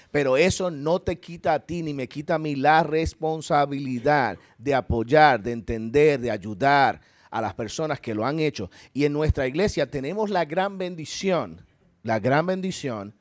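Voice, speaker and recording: This is a man's fairly high voice, recorded at studio quality with no echo. He's a pastor with a Puerto Rican Spanish accent delivering an earnest, chatty sermon with asides in a church hall and finishing with a prayer.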